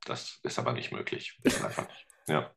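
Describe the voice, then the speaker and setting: A middle-aged man, a teacher and musician appearing as a guest, chats casually in an interview at normal speed with a fairly bright tone. He rambles hesitantly, using lots of fillers and self-deprecating humor.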